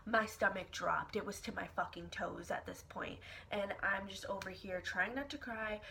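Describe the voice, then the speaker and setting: A young woman vlogger telling an embarrassing personal story in a dramatic, expressive way, swearing casually and with lots of filler words. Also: medium pitch, moderate pace, gravelly, slight background noise. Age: young adult. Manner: casual, profane, filler-heavy. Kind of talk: storytime vlog.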